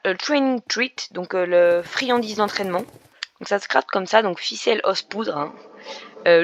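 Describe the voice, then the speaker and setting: Chatty woman with a creaky voice. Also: medium pitch, a little hiss or hum. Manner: chatty, explaining as she plays, many fillers and restarts. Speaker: gaming YouTuber. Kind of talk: Minecraft let's play commentary.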